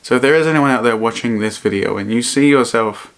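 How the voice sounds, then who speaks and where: A man vlogging in a reflective, personal way, speaking earnestly and haltingly and often repeating his phrases. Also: mid-range voice. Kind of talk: personal vlog to camera, reflective talk.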